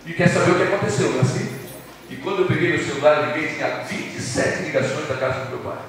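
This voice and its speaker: A Brazilian man preaching a sermon as a pastor, telling a story and dropping from loud to hushed. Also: on the high side, fast talker. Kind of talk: evangelistic sermon. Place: large church hall. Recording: echoey hall recording from a distance.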